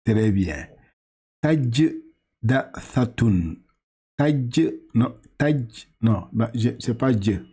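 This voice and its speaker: A Senegalese man with a Senegalese French accent gives a patient one-on-one reading lesson. He talks very slowly, stretches out each syllable, and often restarts his sentences. His voice is mellow and a little husky. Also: medium pitch, expressive. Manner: patient, slow drawn-out syllables, repeats and corrects, halting restarts. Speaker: Quran reading teacher.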